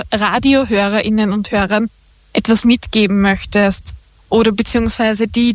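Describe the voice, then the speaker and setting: Radio host lady asking questions, a bit high-pitched, dry studio sound. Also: dry recording. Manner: friendly, asks questions with fillers. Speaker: radio presenter.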